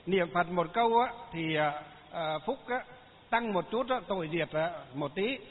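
A man's voice: high-pitched, animated, normal speed. A man, a Buddhist monk giving a folksy Dharma talk full of anecdotes and fillers. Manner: folksy, chatty storytelling with frequent fillers. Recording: tinny phone-like sound in a long-reverb hall.

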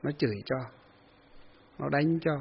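A man's voice: a little high, a little slow, gravelly, slightly rough, lo-fi sound. A man giving a folksy Buddhist sermon, telling a story with many fillers and acted-out quotes. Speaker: Buddhist monk giving a dharma talk.

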